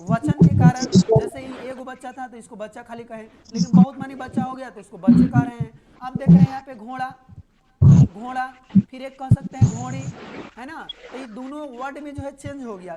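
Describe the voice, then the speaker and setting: A woman's voice: sits high, dark tone. Hindi teacher woman. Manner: explains with memory stories and repeats key words. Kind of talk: live online class lesson.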